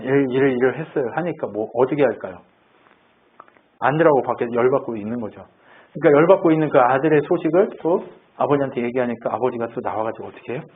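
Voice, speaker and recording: A man's voice: medium pitch, fast. Man, pastor, sermon, fervent exhortation, tinny phone-quality audio. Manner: acts out quoted Bible characters, rising to fervent exhortation.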